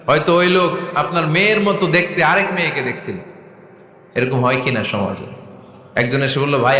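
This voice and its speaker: A man's voice: on the high side, pushed and bright. A man preaching a sermon to a large crowd, impassioned, calling out for the crowd's answers and chanting scripture in a melodic recitation. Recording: echoey public-address sound with long reverb.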